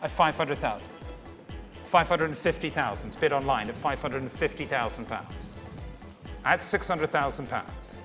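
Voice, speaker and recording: A man conducts a live fine art auction in a saleroom, at a medium pitch. He repeats the bids in formal, courteous auctioneer patter, addressing bidders directly. Music plays clearly behind his voice. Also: moderate pace.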